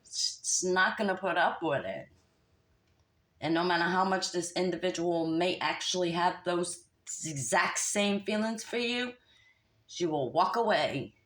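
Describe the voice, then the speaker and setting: A low-pitched woman reading tarot cards in a casual, chatty way. She scolds and teases the listener directly, full of sass and lively asides. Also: unhurried. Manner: sassy, scolding, talks straight at the listener; animated, laughs and hums disapproving "mm-mm-mm". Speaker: tarot reader.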